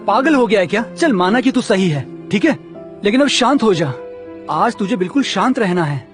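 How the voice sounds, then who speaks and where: A man dubbing a bossy, persuasive young man who keeps calming his friend in a TV drama. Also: high-pitched, normal speed. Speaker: father's friend. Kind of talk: Hindi TV drama dub. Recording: dubbed dialogue over music.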